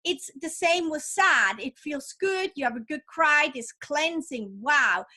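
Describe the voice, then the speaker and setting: A woman's voice: high-pitched, expressive, a little slow, pushed and bright. A woman author, not a native English speaker, talking with upbeat enthusiasm as a podcast guest. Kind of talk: casual interview chat.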